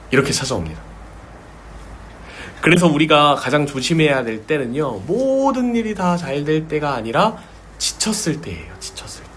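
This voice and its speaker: Man preaching a sermon, lively pitch that jumps around, repeats key words to hammer them home. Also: a little hiss or hum. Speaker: pastor.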